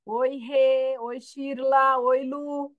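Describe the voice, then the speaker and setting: A woman's voice: sits high, extremely slow, no echo, lo-fi sound. Chatty woman hosting a live video Q&A. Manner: chatty, animated, mimics dialogue, asks "entendeu?". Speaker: host of a live online Q&A for women. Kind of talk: casual live Q&A talk. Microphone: video call.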